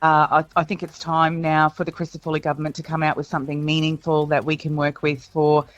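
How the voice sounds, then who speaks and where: A woman's voice: low-pitched, completely flat delivery, fairly quick, no echo, lo-fi sound. Hesitant Australian woman, union leader on air. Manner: hesitant, full of "you know" and "um". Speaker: teachers union president, radio guest. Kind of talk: radio interview answers.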